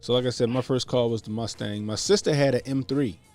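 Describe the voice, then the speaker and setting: A man's voice: medium pitch, fairly even intonation, fairly quick, a little mellow, soft background music. A man in his late thirties from the Baltimore area, hosting a podcast and telling profane, laid-back stories in casual chat. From Baltimore area, USA. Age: 30s. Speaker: podcast host.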